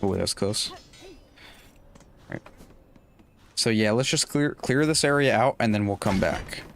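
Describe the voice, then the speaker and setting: A young man giving relaxed, casual commentary while playing a video game, talking to himself and his viewers. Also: on the low side, unhurried, creaky, slight background noise. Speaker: gameplay streamer. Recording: faint game music behind. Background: faint game music.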